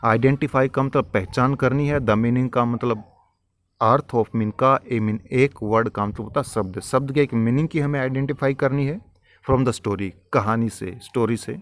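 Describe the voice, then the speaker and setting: An Indian man teaching an English lesson, reading each line slowly and carefully. He explains in Hindi and spells words out letter by letter, like a schoolteacher going over a textbook. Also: mid-range voice, no echo. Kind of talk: recorded classroom lecture.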